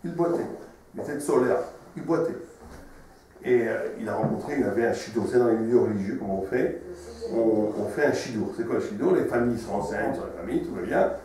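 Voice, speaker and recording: A man's voice: on the low side, quick pace, distant mic. A man preaching as a rabbi, his voice ringing through a very echoey room from a mic placed well away from him. He tells stories expressively and often repeats words and phrases. A faint hiss sits underneath. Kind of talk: storytelling sermon.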